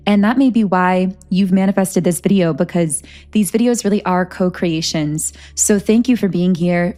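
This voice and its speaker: A woman reading tarot for her channel, speaking in an earnest, flowing way with a medium-pitched voice. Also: mellow. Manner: earnest, flowing, self-aware of speaking fast. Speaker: tarot reader. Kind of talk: spiritual channeling monologue.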